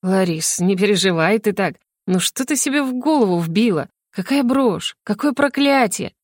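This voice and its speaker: A woman's voice: mid-range voice, fast, no room sound, clean studio sound, close to an everyday voice. A woman doing a sneering, spiteful younger sister. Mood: mocking. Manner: sneering, dismissive.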